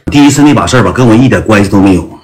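Fast-talking man. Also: lowish voice, lively intonation, very noisy. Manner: blunt and slangy, laughs through his story. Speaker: storyteller. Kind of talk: casual storytelling to an audience. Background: music.

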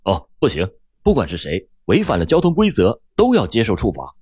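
A composed young traffic officer speaks politely and evenly in a lowered voice, as a storyteller acts him out. The tone is slightly husky. It sounds close and dry. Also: male voice, a little fast, no room sound, heavily acted. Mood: calm. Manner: calm, polite, steady. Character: calm, upright young male traffic officer.

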